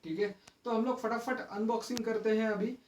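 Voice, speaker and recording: Speaking briskly in a high, steady voice, a man with an Indian accent hosts a casual unboxing video. He's a bit hesitant as he instructs viewers and repeats his reminders, and a little hiss or hum is audible.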